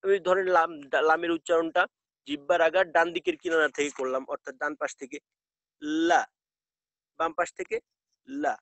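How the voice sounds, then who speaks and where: A man's voice: on the high side, steady tone, quick pace, a bit bright, no room sound. A man teaching an online class, explaining step by step and repeating key terms.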